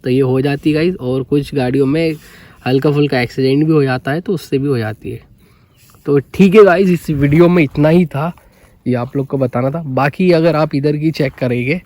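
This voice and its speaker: A man's voice: fairly high pitch, fairly even intonation, a little fast, warm tone, dry recording. A man explaining a motorbike brake repair in a casual, conversational way, often checking in with his viewers. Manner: conversational, repeats "guys" and "okay" often. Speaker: motorbike vlogger.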